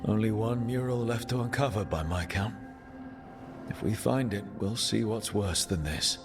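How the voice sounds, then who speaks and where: A fairly low male voice for a game's party leader, acted by a man. He is sincere, practical and conversational, with music clearly audible behind him. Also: normal speed, close to an everyday voice. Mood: wry. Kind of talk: video game cutscene acting.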